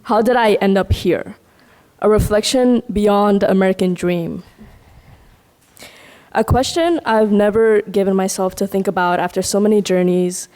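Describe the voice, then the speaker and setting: Young woman, from Guyana, student speaker, earnest reflective prepared speech, medium pitch. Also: fairly even intonation, normal speed, a little mellow. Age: young adult. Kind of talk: reading a prepared personal speech. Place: lecture hall at a summit.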